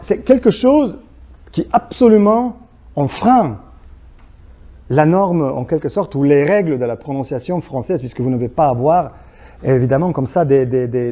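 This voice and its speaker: A man with a Slavic accent, a native Slovene speaker, giving a university lecture in a halting way, full of restarts and fillers, acting out the sounds he discusses. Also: a little high, dull audio. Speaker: guest lecturer.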